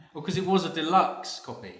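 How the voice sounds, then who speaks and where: A man co-hosting a casual gaming podcast, chatty and quick to laugh as he steers the talk. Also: on the high side, wildly swooping pitch, a bit bright. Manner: chatty, laughs easily, leads the segments. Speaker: podcast co-host. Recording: echoey room.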